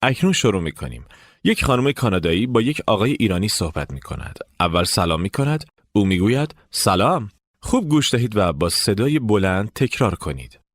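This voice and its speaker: Narrating a scripted English course, this man walks listeners through each step and asks them to repeat after him. His voice is on the low side and very animated, and there is no echo.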